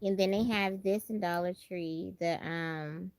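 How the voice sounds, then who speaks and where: Lower-pitched and unhurried, with fairly even intonation, this woman's voice comes through without room sound. She hosts a livestream from Brooklyn, New York, chatting casually and expressively in a country Southern-tinged American accent and repeating phrases to drive points home.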